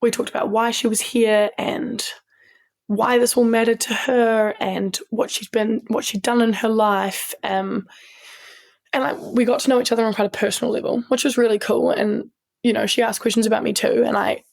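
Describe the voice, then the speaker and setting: Earnest New Zealand woman, slightly gravelly. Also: on the high side, level tone, normal speed. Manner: earnest, with frequent restarts and ums. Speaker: guest, strength coach and sports medic. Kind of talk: casual interview storytelling.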